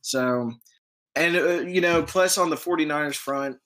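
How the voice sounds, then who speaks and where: A man's voice: a little high, a little slow, fairly bright tone. A man co-hosting a casual sports talk show, talking loosely with many fillers and restarts. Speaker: podcast co-host.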